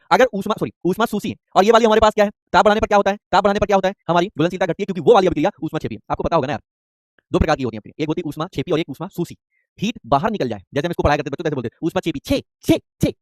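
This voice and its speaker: A chemistry teacher with a fairly high voice races through a live online class lecture, repeating terms over and over and firing quick call-and-response questions at students. The sound is dry and close, without room echo.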